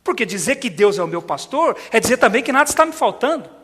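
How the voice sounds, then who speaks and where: A man with a very high voice preaches a sermon, a pastor speaking to his congregation. He slows down to stress key lines and asks the listeners direct questions. His voice carries a long reverb from a large conference hall. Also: big pitch swings, fairly bright tone, slightly rough.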